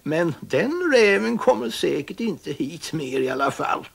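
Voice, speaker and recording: Man as a mild old farmer, gravelly raspy voice, storybook. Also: on the high side, big pitch swings, pitched above the performer's own voice, heavily acted. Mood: cheerful. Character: kindly old farmer, gentle and musing.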